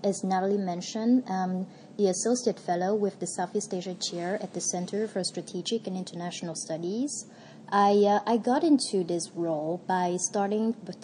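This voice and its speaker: Researcher guest, a woman from Vietnam, lower warm voice, thoughtful answers with frequent restarts. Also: slight background noise, low-quality recording. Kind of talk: interview answers.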